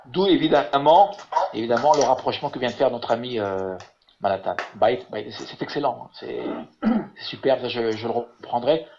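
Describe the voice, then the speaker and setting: A man teaching Hebrew in an online lesson over a video call. He talks haltingly, repeating words and filling with "voilà". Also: mid-range voice, vocal fry, darkish tone. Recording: muffled lo-fi web call audio.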